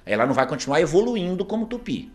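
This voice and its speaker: A man's voice: on the high side, big pitch swings, quick pace, faint music behind. A Brazilian man with a Paraná accent, an interview guest arguing his views emphatically and often asking rhetorical questions. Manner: emphatic, argumentative, keeps asking rhetorical "isn't it true?". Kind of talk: opinionated conversational commentary.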